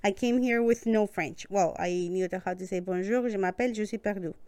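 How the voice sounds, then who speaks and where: A woman's voice: mid-range voice, brisk, darkish tone, clean tone. A woman from Costa Rica, a native Spanish speaker with a Costa Rican accent, chatting as a podcast guest and laughing often. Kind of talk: casual conversation.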